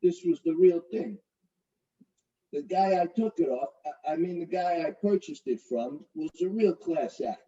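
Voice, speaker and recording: An actor playing a brash, crude, middle-aged mobster-type fiancé who swaggers and wisecracks in a comedy courtroom sketch. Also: male voice, a little high, lively intonation, a little slow, dark tone, recorded from a distance, muffled recording. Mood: swaggering. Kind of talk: comedic courtroom parody acting.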